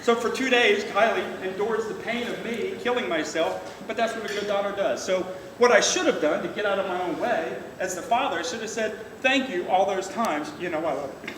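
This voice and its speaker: A middle-aged man gives an informal father of the bride speech, plain-spoken, salty and emotional, with halting delivery. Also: sits high, a bit bright. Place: large reverberant reception room indoors. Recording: echoey hall, distant mic, noisy room.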